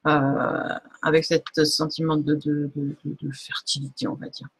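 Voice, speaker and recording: A woman's voice: sits low, level tone, measured pace, slightly rough. A woman giving a live oracle card reading on a stream, casual and hesitant, stopping often to search for words. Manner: many fillers and restarts, laughs at herself.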